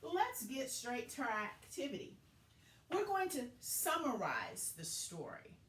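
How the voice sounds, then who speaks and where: With a voice that sits high, a woman teacher gives young children a read-aloud lesson full of expressive, deliberately dramatic phrasing.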